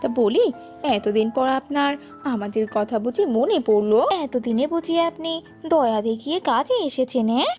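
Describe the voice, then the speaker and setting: A woman's voice: fairly high pitch, animated, normal speed, darkish tone, dull audio, soft background music, natural voice. A woman voicing a haughty, mocking rich mistress of a house in a cartoon. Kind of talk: cartoon voice acting.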